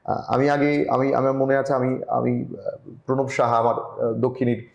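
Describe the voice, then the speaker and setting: A man from Tripura, India, giving earnest advice as a journalist guest in an online interview, often pausing and restarting. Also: medium pitch, level tone, gravelly, roomy sound, highs cut off. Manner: earnest, advising, with frequent hesitations. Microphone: video call.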